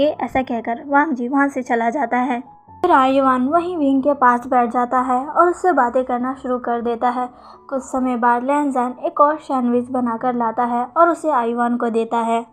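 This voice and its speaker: A woman narrating a fan fiction story in steady, even storytelling. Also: high-pitched.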